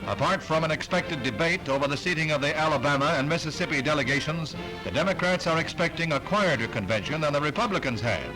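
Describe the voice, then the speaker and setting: Male old-newsreel announcer, slightly high voice, formal delivery, music bed underneath. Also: expressive, fast, few pauses, poor audio. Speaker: newsreel narrator. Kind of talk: 1960s newsreel narration. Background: music under the narration.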